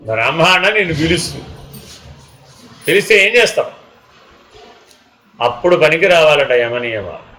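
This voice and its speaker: A man's voice: on the high side, lively intonation, normal speed, pauses often, sharp tone, rough recording. A man giving a spiritual discourse, often asking his listeners questions and acting out small dialogues. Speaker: spiritual teacher.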